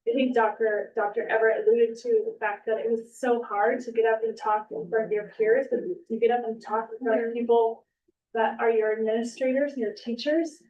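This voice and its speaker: A woman on a school board, warmly praising students at a meeting. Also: on the high side, flat delivery, brisk. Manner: effusive, praising. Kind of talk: meeting remarks. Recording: dull distant meeting-room audio.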